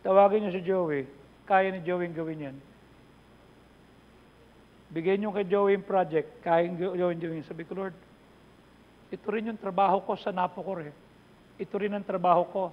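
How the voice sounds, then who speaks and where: Middle-aged Filipino pastor, high gravelly voice, chatty sermon, muffled recording. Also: male voice. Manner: mixes Tagalog and English, chatty asides to the congregation. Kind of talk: conversational sermon. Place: church hall. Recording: dull reverberant church hall recording.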